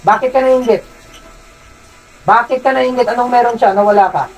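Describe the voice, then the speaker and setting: A faith healer from Zamboanga City, a man who interrogates a spirit with insistent, repeated questions and sharp commands. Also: very high voice, normal speed, poor audio. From Zamboanga City, Philippines. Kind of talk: healing session, interrogating a spirit.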